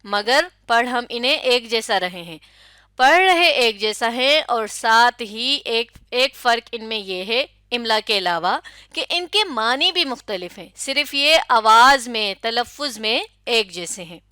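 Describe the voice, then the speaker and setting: A woman's voice: fairly high pitch, expressive, sharp tone, smooth, no echo, clean studio sound. A woman with a Pakistani Urdu accent giving a classroom lecture, asking questions, confirming answers and spelling words letter by letter. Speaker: teacher.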